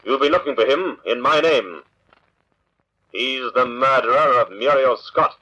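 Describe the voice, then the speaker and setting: An actor playing an invisible crime fighter in an old radio drama, taunting and commanding, with a husky voice. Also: male voice, medium pitch, sharp tone, low-quality recording. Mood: stern, commanding. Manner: slow taunting, commanding delivery. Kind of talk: vintage radio drama acting.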